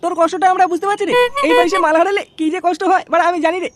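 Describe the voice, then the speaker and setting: A man voicing a cheeky, loudmouthed teenage boy in a comic cartoon, swaggering, crude and coaxing. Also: very high voice, fairly even intonation, very fast, loud music behind the voice.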